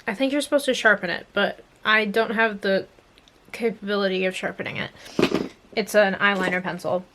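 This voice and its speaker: Her voice is mid-range, bright and forceful, with fairly even intonation and a fairly quick pace, plus a little hiss or hum. A young adult woman vlogging, she rambles casually to viewers, thinking out loud and letting sentences trail off, her speech a bit affected by swelling after dental work.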